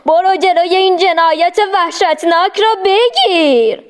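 A woman's voice: very high voice, voice pushed up. A woman voicing a scheming, mocking male devil in a storybook reading, drawn out and taunting. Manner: taunting, drawn-out, with sneering laughs.

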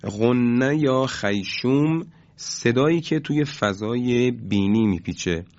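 Measured male recitation teacher, muffled recording. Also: mid-range voice, animated, darkish tone. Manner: measured, explanatory, with hesitant fillers. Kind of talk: recorded lesson. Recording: dull lo-fi recording.

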